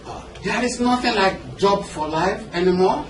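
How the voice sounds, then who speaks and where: In a noisy, echoing seminar hall, a man's high, animated voice carries at a moderate pace through a distant mic. He's a business coach with a Nigerian accent giving a motivational talk to an indoor audience, keeping it conversational and regularly engaging them with questions and check-ins.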